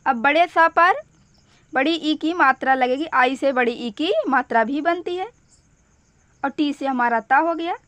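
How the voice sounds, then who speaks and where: Female teacher, high pitch, unhurried step-by-step delivery, patient and repetitive. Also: a bit bright, no room sound. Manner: patient, repeats each step slowly. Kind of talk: step-by-step spelling lesson.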